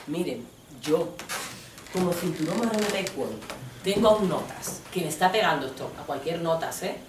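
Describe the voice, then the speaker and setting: A woman's voice: fairly low pitch, lively intonation, moderate pace, reverberant, distant mic, slight background noise. A woman from Spain with a Spanish accent, performing a theatrical monologue on stage, switching between the voices of people in her story and speaking bluntly with frequent swearing.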